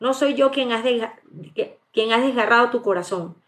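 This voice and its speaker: A woman's voice: on the high side, moderate pace, natural voice. A woman reading the part of a fierce, anguished young lover in a live audiobook, with stumbles and restarts. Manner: read aloud plainly, with stumbles and restarts.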